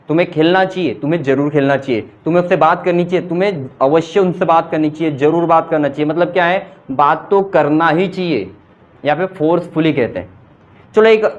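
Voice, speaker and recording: A man with a high voice teaches an English grammar lesson. He explains in Hindi, reads out English example sentences and keeps quizzing his students. The recording sounds dull and lo-fi. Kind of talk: classroom grammar lecture.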